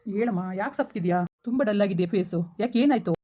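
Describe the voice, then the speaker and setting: A woman's voice: mid-range voice, expressive, fast talker, mellow, breathy edge. A woman playing a village husband in a rural skit who coaxes and reassures his wife. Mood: coaxing. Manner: coaxing, reassuring. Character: village husband, dismissive then soothing.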